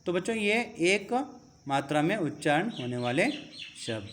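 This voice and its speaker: A man's voice: a little high, very animated, a little slow, fairly bright tone. A man teaching a Hindi alphabet lesson to schoolchildren, who explains step by step and answers his own questions.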